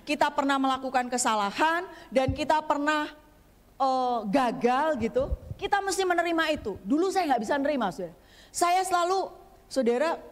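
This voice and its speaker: A woman guest pastor giving a chatty, humorous sermon in a church, often turning to speak straight to the congregation. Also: sits high. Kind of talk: conversational sermon. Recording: long church hall reverb.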